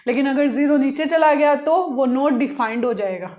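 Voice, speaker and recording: A woman maths teacher with a high, slightly mellow voice at a moderate pace gives a blackboard-style lesson, explaining step by step and patiently repeating herself. She poses questions to the class and answers them herself.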